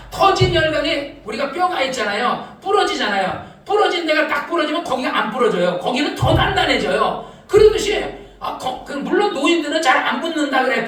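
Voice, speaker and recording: High, bright-voiced preacher in an echoey room. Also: male voice, distant mic. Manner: animated, laughing while preaching, often shouting. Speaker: pastor. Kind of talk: sermon.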